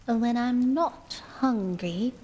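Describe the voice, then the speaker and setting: A woman's voice: a little high, lively intonation, slow pace, warm tone, slightly rough, heavily acted. Woman whispering a sneaky hungry kitten girl, whispered role-play, sweet and coaxing, echoey. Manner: coaxing, demure. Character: greedy sly female kitten.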